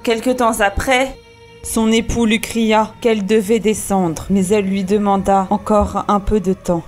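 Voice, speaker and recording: A woman storyteller narrating a fairy tale in a slow, expressive way. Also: medium pitch, soft background music.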